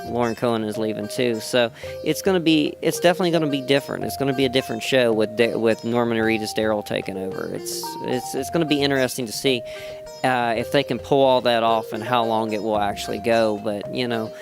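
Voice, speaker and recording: With loud music behind him, a West Virginia actor answers fan convention interview questions in a medium-pitched, creaky voice at a slightly fast pace. He rambles, restarting often and leaning on "you know."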